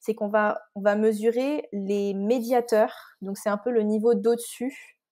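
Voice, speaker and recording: Woman from scotland explaining stuff in an interview, relaxed dark voice, lots of restarts. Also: mid-range voice, unhurried. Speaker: nutritherapist guest. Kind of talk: casual interview chat.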